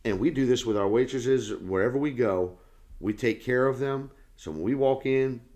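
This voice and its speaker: A man's voice: mid-range voice, moderate pace, darkish tone. A man who is a senior pastor, talking earnestly and casually in a devotional chat. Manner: earnest, lesson-drawing talk.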